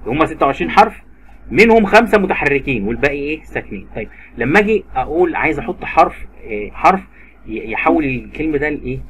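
Egyptian guy teaching english to a kid, kinda high voice, repeats stuff again n again, bit of hiss behind. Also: big pitch swings, quick pace, fairly bright tone. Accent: Egyptian Arabic. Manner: patient, repeats words over and over. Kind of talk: drilling grammar lesson for a child.

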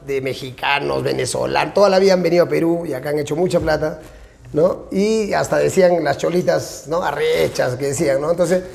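A man's voice: a little high, vocal fry, darkish tone. A man in his forties with a Peruvian accent, a band vocalist and songwriter talking frankly and animatedly in an interview, often ending with tag questions. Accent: Peruvian Spanish. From Peru. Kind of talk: casual interview talk. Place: small restaurant with brick walls.

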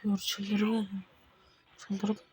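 A woman giving live commentary over her own gameplay, excitable and boastful, shouting and cursing at the game. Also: medium pitch, extremely slow, slight background noise. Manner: boastful, trash-talking opponents. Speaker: gaming video creator.

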